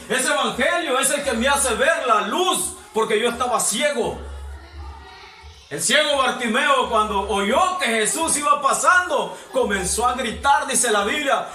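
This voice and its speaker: A man preaching a sermon to his congregation, exhorting and asking them questions, his voice rising to shouts. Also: very high voice. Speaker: pastor. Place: church hall. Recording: echoey hall, mic far off.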